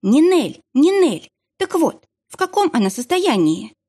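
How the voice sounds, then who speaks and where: A woman's voice: mid-range voice, sing-song, normal speed, husky. Woman voicing an anxious, determined heroine. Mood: urgent. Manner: urgent, flustered.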